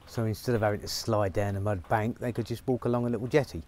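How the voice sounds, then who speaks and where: A man's voice: on the low side, fairly even intonation, fast talker, a little mellow. Chatty middle-aged man outdoors. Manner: chatty, upbeat, many fillers. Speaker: vlogger on his farm. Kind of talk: casual vlog narration to camera. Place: outdoors on a rural farm, rainy. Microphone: lapel mic.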